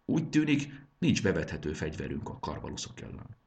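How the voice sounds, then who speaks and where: A big, gruff storybook creature with a booming laugh, talking in a gravelly growl. A man plays him in an audiobook. His voice rumbles low with plenty of rasp at the bottom. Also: sing-song, a little mellow, heavily acted.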